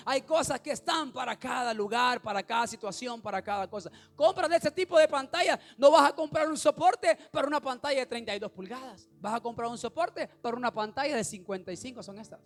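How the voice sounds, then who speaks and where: A male pastor, preaching an animated sermon that rises to shouts and puts questions to the congregation. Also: very high voice, fairly quick, faint music behind.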